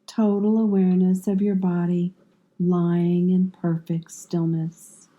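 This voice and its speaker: Speaking in a lowish register, a woman leads a yoga nidra session with gentle, soothing directions, measured phrasing and long silences. The recording sounds lo-fi.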